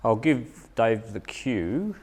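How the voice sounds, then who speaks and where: A man's voice: medium pitch, very animated, slow, darkish tone. Chatty man demonstrating gear. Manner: chatty, keeps checking in with "right?". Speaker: presenter at a teacher training session. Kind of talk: live demonstration talk. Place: meeting room with a live audience. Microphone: lapel mic, later a room camera mic from afar. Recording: distant room mic at times.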